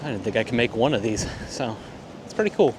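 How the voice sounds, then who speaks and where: A man's voice: medium pitch, sing-song, fast. A man who is a landscape photographer, talking in a rambling, laid-back, self-deprecating way on a casual walk-and-talk vlog outdoors on a cold morning. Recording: wind buffeting the mic outdoors.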